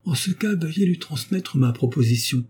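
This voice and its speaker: Dude doing a pushy ex-governess lady, high and loud, haggling fast. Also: lively intonation, slightly rough. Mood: businesslike. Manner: brisk, insistent bargaining. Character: bold young woman, former governess.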